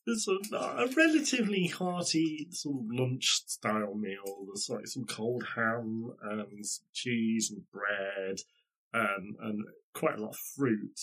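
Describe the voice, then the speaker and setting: Guy gm narrating slow, rambly, lots of ums. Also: fairly low pitch, fairly bright tone. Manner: rambling, many fillers and restarts. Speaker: game master. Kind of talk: narrating a tabletop game.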